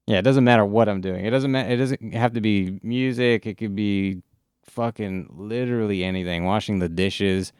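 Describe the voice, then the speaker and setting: A laid-back man with a fairly low, smooth and resonant voice, recorded dry and close in a home studio. He rambles casually, full of fillers and swearing, as he chats with his live-stream viewers. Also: moderate pace, darkish tone, dry recording. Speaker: music streamer.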